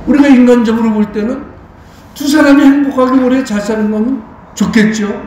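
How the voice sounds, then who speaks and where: A man with a fairly high voice preaches a storytelling sermon, asking his listeners question after question. His voice rings out through a very echoey church hall, with a faint hiss behind it. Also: steady tone, fairly quick, a little mellow. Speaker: pastor. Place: church sanctuary.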